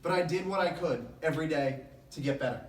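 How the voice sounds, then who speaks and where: A man with a slightly high voice delivers a motivational speech to a sports team. He tells his story earnestly and deliberately, stressing key phrases. The sound is very roomy, with the microphone some distance away. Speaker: motivational speaker. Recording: echoey room, distant microphone.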